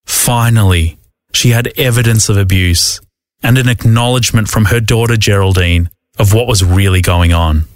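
A man with a low voice narrates a documentary from a script. His delivery is measured and even, and the recording is dry and close, with no room sound. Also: no room sound.

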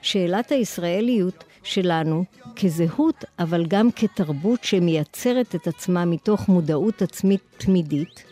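A woman with an Israeli accent delivers a scripted academic lecture in a formal, articulate manner, in long measured sentences. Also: lowish voice, dark tone, faint music behind.

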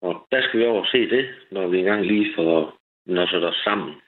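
Joking male caller on a tinny phone line. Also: sits low. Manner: rambling, joking, laughs at own ideas. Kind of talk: casual radio chat.

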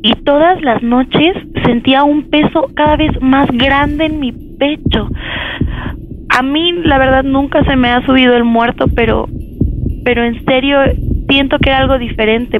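Young female caller, hesitant storyteller, higher voice, lo-fi phone sound. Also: fairly even intonation, faint music behind. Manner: halting, repeats words when tense. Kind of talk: telling a personal ghost story. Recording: dull phone line.

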